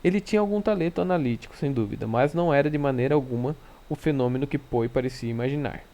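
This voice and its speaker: Smug sneering detective guy read by a man, dry and scornful, mid pitch. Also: fast, dark tone, lightly acted. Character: arrogant male detective, sardonic and complaining.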